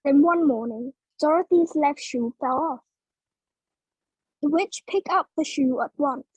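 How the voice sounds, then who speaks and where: Woman narrator, high voice, dry close recording, clear simple storybook reading for English learners. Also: measured pace, dry recording, poor audio. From Vietnam.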